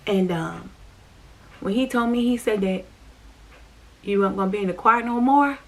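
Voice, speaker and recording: On her vlog, a woman chats about a personal church story, speaking straight to her viewers and repeating herself. Her voice is medium in pitch and her pace is moderate.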